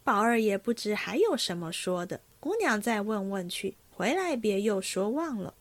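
A woman's voice: medium pitch, very animated, normal speed, lightly acted. A woman voicing a dutiful old household nanny who speaks in an obliging, careful way.

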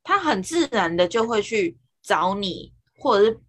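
A woman guest in a casual chat, speaking in a calm, reflective way. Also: medium pitch, measured pace, slightly rough.

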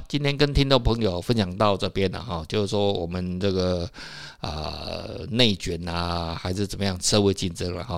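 A man's voice: on the low side, gravelly, dry recording, clean studio sound. A man with a Taiwanese Mandarin accent, hosting a casual solo talk for listeners, rambling with filler particles and tag questions. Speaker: podcast host.

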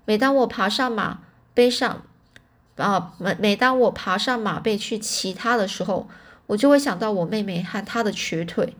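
A woman's voice: mid-range voice, normal speed, natural voice. A woman reading as an earnest young boy.

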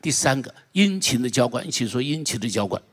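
A man pastor preaching a sermon in an animated way, leading the congregation in repeating phrases. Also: mid-range voice, fairly quick, slightly rough.

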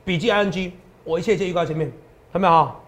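Hoarse, boastful man talking fast and high. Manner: boastful, emphatic, rhetorical questions. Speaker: stock market analyst host. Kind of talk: promotional market commentary.

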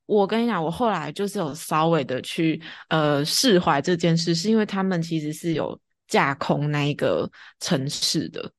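A woman's voice: sits low, lively intonation, normal speed, few pauses. A woman with a Taiwanese Mandarin accent, talking casually as a co-host in a conversational discussion. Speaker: podcast co-host reviewing TV drama.

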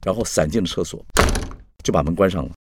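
A man narrating a story in a conversational, animated way. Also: sits low, fast talker, a little hiss or hum.

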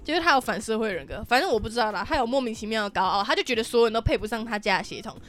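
A woman's voice: on the high side, expressive, very fast, a bit bright, faint music behind. A young woman hosting a podcast, telling stories bluntly with swearing and laughter. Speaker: podcast host. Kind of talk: casual storytelling chat.

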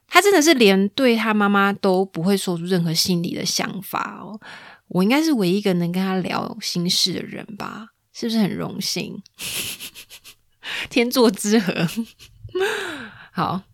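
A woman's voice: no echo, studio quality. A woman, hosting a casual parenting podcast in a chatty, playful way. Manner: chatty, playful, acts out quoted lines in a higher voice. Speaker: podcast host.

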